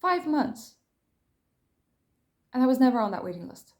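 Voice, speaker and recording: A woman's voice: high voice, very animated, normal speed. A woman vlogging, retelling a frustrating phone call in an agitated, emotional way with many restarts. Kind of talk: casual vlog storytelling.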